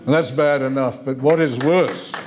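A man's voice: medium pitch, moderate pace, very noisy. An older man addresses a hall from a lectern in a mid-range voice. He speaks formally and emphatically, repeating key phrases to drive home his points. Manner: forceful, emphatic repetition. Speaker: convention speaker. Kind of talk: formal political speech. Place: conference hall on stage.

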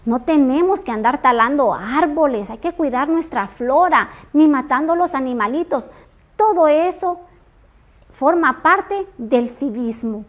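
A woman in her thirties from Honduras, a preschool teacher giving a televised lesson in a slow, sing-song, affectionate way to small children. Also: sits high, lively intonation. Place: classroom, then outdoor garden.

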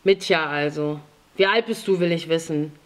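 A woman's voice: sits low, moderate pace, natural voice. A woman voicing a hard, threatening grown man in an audiobook reading. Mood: stern. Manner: harsh, threatening. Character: stern, menacing grown man.

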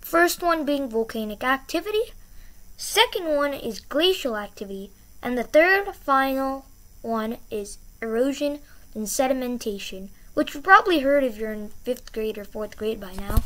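A woman's voice: high-pitched, expressive, moderate pace, a bit bright. A woman hosting her own educational channel, explaining a topic in a chatty, encouraging way and repeating key words for emphasis. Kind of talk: casual explainer.

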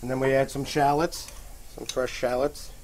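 A middle-aged man, a chef, talks through a cooking demonstration in an easygoing way, full of small fillers. His voice sits at an ordinary pitch, picked up on a lapel mic in a TV studio kitchen. A faint sizzle hums behind him. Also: normal speed, noisy background. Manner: relaxed, explaining steps with fillers. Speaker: restaurant chef.

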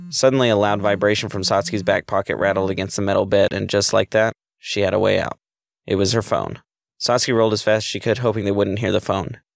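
Male storyteller, low pitch, gravelly tone, dry close sound. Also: dry recording. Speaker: narrator. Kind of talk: reading a story aloud.

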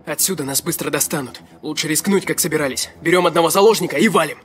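A man's voice: a little high, fast talker, a bit bright, lightly acted. A man playing a restless young robber, eager to flee, in a dubbed game drama. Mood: urgent.

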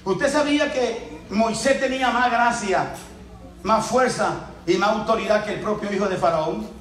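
A man preaching a sermon as pastor, shouting and laughing in bursts between quieter storytelling. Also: high voice, moderate pace. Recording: echoey room from a distance.

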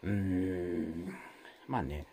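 A man's voice: animated, extremely slow, dark tone, husky. A man hosting a live stream, chatting casually with viewers and reading their comments, rambling with many fillers. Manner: rambling, many fillers, wide swings in pitch.

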